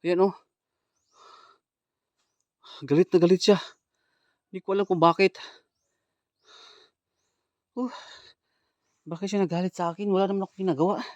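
A man filming a ghost-hunting vlog outdoors in a forest. He talks to his viewers in low, hushed asides and calls out loudly and urgently. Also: fairly even intonation, normal speed, long pauses, no room sound, lo-fi sound. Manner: low hushed asides to the camera, then loud urgent calling out. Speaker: ghost hunter vlogger. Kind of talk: live walkthrough vlog addressed to viewers.

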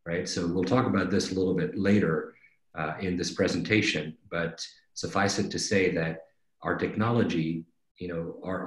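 Heard through a video-call microphone indoors, a middle-aged executive gives a webinar in a low-sitting voice. He explains in a conversational way, frequently asking "right?", and the audio sounds roomy and echoey.

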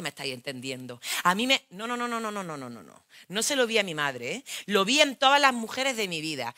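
A woman's voice: a little high, pushed and bright. A woman with a Spain Spanish accent performing a theatrical monologue, telling her story frankly and crudely, straight to the audience.

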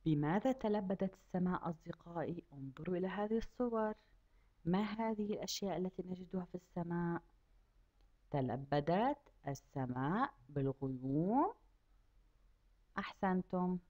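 Lively, lower-pitched woman teaching small children. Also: lo-fi sound. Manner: asks children questions and stretches out words slowly to model them. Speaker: kindergarten teacher. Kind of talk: lesson for young children.

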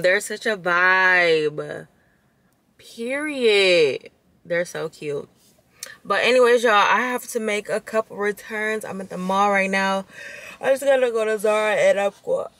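A woman's voice: medium pitch, a bit bright, no echo. A woman in her twenties with an American accent, chatting casually and informally to camera in a slangy vlog style. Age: 20s. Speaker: vlogger. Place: inside a car. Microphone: handheld or mounted camera at arm's length.

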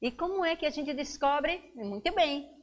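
A woman teacher giving a slow, clear, encouraging lesson to young children, stretching out words as she reads them aloud. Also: high voice, lively intonation, slight background noise. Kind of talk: children's lesson on a local education channel.

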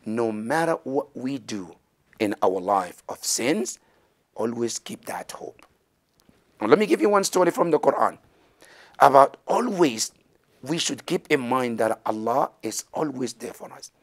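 A man's voice: medium pitch, lively intonation, a little slow. A middle-aged man telling a religious story as a teacher, gesturing and acting out the voices of the people in it, in a small indoor studio on a lapel mic. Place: studio set with banners, indoors.

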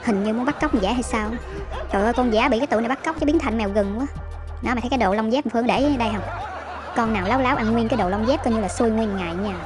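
A woman narrating a travel vlog as a voice-over, chatty and teasing. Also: a little high. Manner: chatty, teasing, rapid storytelling. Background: background music.

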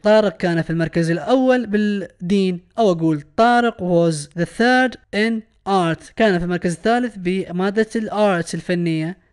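A man's voice: high voice, clear, resonant tone. A male English teacher with an Iraqi Arabic accent, patiently explaining a lesson and repeating each word with its translation. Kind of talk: recorded classroom lesson explanation.

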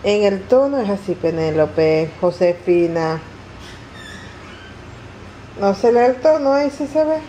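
A woman's voice: mid-range voice, animated, a little slow, pauses often, mellow, a little hiss or hum. A woman with a Venezuelan accent, vlogging casually at home in a chatty, playful, exclamatory way. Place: home, indoors.

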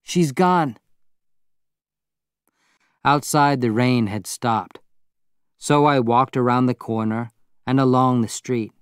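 A man narrates a story in a measured, unhurried way, each sentence given room. His voice sits in an ordinary middle pitch. The sound is dry, with no room around it. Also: fairly even intonation, smooth, no room sound. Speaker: audiobook narrator. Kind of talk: scripted narration.

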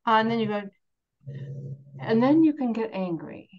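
A woman's voice: on the high side, animated, moderate pace. A woman leading a team meeting in a chatty, candid way, acting out the doubts people tell themselves. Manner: chatty and candid, acts out inner self-talk. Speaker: sales team leader. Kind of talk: motivational team meeting talk. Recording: dull lo-fi sound.

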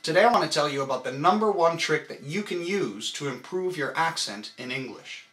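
A man giving a scripted English accent lesson, slowly and emphatically demonstrating stressed syllables. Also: a little high, animated, fairly bright tone, echoey room.

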